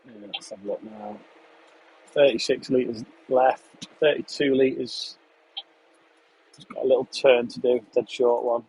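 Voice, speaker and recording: A man's voice: mid-range voice, measured pace, pauses often, slightly rough, rough recording. A young man from England live-streaming from his sprayer cab, chatting casually and answering viewers' questions while he works. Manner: relaxed, chatty, answers questions between running commentary on the job. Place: inside a tractor sprayer cab, in a field.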